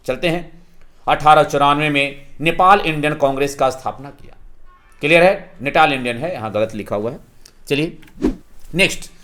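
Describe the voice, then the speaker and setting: A man with a Bihari accent teaching a history lesson for exam students, posing questions and answering them himself. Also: on the high side. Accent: Bihari Hindi. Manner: lively, asks and answers his own questions.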